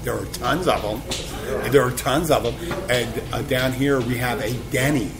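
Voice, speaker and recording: A man in his fifties hosting a casual chat, animated and joking as he rambles from one story to the next. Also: mid-range voice, unhurried, music in the background. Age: 50s. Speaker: host. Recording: loud crowd chatter behind.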